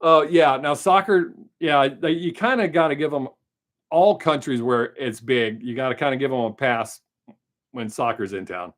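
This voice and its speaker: Medium-pitched and speaking at normal speed, this middle-aged American man with a Southern drawl hosts a casual livestream. He rambles through viewers' questions frankly and chattily, dropping some swear words.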